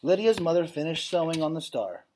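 In an indoor classroom, a man in his thirties reads a storybook aloud like a teacher, telling it expressively and acting out the dialogue, picked up by a webcam or laptop at desk distance. His voice sits on the high side, expressive and mellow, at a fairly quick pace, with a little hiss or hum.

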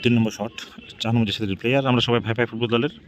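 A man's voice: mid-range voice, fairly even intonation, rapid-fire, a little hiss or hum. A man giving live football match commentary, repeating team names and phrases as he follows each shot. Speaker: football commentator and channel host.

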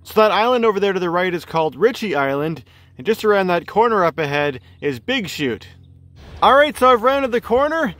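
A man in his thirties filming himself outdoors on a phone at arm's length, calmly narrating a solo canoe trip down a river like a tour guide. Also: high-pitched. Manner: calm, informative, tour-guide-like. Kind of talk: casual travel narration. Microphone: phone camera at arm's length.

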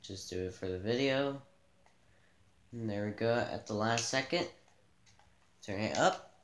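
A man giving a casual gameplay tutorial, relaxed and thinking aloud as he plays in a dim room, filmed by a camera pointed at the TV. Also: lowish voice, measured pace, roomy sound, a little hiss or hum. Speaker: gaming channel host.

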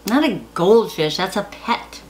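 A woman's voice: medium pitch, expressive, a little slow, a little hiss or hum. A middle-aged woman with a Minnesotan accent, bantering casually as she tries out word pronunciations indoors. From Minnesota, United States. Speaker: guest, mother of the host. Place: small indoor room, wood-panelled.

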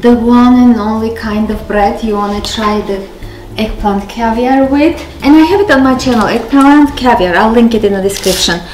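A woman's voice: fairly high pitch, normal speed, a little mellow. Chatty Armenian-accented woman, echoey kitchen. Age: middle-aged. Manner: chatty, tasting and commenting on food. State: recovering from a cold. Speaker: vlog host. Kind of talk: casual family vlog chat. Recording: echoey kitchen with background music.

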